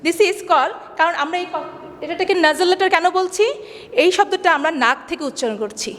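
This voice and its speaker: A woman's voice: extremely high pitch, animated, a bit bright. Woman, teacher, classroom explaining, question-and-answer manner, long reverb. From Bangladesh. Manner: explains in English then repeats in Bengali, asks questions and answers them; slow, deliberate English, faster Bengali. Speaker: school teacher. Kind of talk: classroom lesson.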